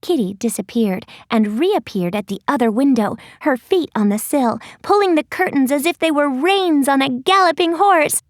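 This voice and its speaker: A woman narrating a children's fantasy audiobook in a playful, expressive storytelling manner. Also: sits high, moderate pace, hardly any pauses, no room sound, clean studio sound.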